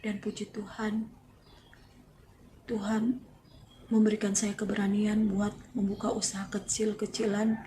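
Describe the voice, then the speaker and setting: Gravelly-voiced woman giving a slow testimony. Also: medium pitch, background noise. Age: adult, married with family. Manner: slow, halting delivery in short phrases. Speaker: church member giving testimony. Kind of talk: personal faith testimony.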